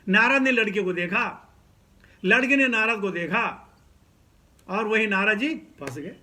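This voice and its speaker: A man preaching scripture in an animated storytelling sermon, often chuckling and mixing in English words. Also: high voice.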